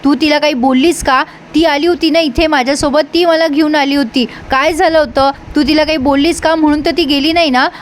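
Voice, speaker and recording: An angry young doctor snaps and scolds, read by a woman retelling a TV serial. The voice sits high, with a faint hiss of background noise. The lines come out harsh and scolding, in her own everyday voice. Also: fairly even intonation, fairly quick, hardly any pauses, natural voice. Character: angry young male doctor, fiercely loyal.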